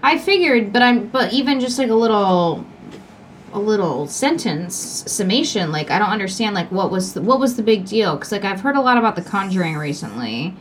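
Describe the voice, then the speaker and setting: A woman co-hosting a podcast, blunt and animated, talking fast with many fillers. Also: medium pitch, a little hiss or hum. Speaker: podcast co-host. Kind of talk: casual podcast chat.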